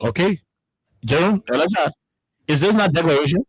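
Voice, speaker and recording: A Liberian radio talk show host delivers heated political commentary in a Liberian English accent, repeating words while he hunts for the right ones. His fairly high, animated voice moves at normal speed with a breathy edge, captured in a low-quality recording with no room sound, in a radio studio.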